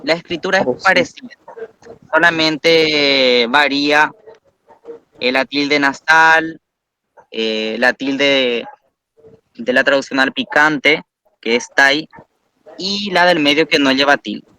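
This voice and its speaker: A man's voice: a little high, takes it slowly, pauses often, sharp tone, clean tone. A man teaching a language class, explaining patiently step by step and praising students.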